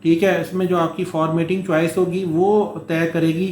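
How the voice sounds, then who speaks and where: A man's voice: on the high side, level tone, normal speed, a little mellow, a little hiss or hum. Coughing male instructor in an echoey room. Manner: explains with frequent "theek hai" check-ins and fillers. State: short of breath, coughing at times. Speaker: course instructor. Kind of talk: Hindustani lecture mixed with read-out English.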